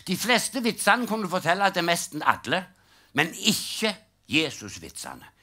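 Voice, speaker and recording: A man's voice: high-pitched, wildly swooping pitch, bright, forceful tone. An older man doing a live stand-up routine, telling jokes in a dry storytelling way and acting out the punchlines. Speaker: stand-up comedian. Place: live comedy stage.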